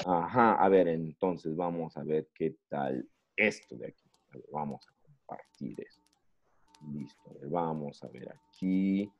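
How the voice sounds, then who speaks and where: A man's voice: extremely low pitch, unhurried. A man with a Peruvian Spanish accent teaching an online English class to young students. He keeps asking questions, coaxes the kids to join in, and jokes around to keep them engaged. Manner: lively, coaxing, playful, asks many questions. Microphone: computer mic on a video call. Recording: slightly dull lo-fi call audio.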